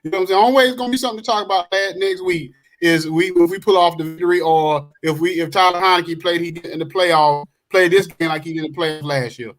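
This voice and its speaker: A man's voice: on the high side, fast talker, hardly any pauses, fairly bright tone, poor audio. A man co-hosting a sports podcast in casual chat, laid-back and repeating himself. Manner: laid-back, repeats phrases, laughs often. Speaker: podcast co-host.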